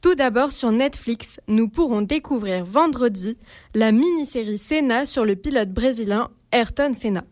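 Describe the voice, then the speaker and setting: A woman's voice: a little high, lively intonation, moderate pace, darkish tone, no room sound. A woman presenting the week's streaming releases as a columnist, reading steadily from a script.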